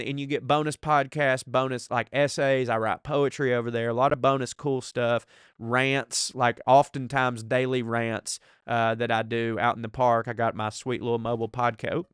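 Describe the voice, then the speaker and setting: A man's voice: medium pitch, little pitch movement, normal speed, clear, resonant tone, no echo, studio quality. A man with a blocked, congested nose and short breath, hosting a podcast in a casual, profane, bantering way. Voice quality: congested, stuffed-nose sound from allergies. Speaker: podcast host. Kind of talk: casual comedic podcast talk, reading listener mail aloud.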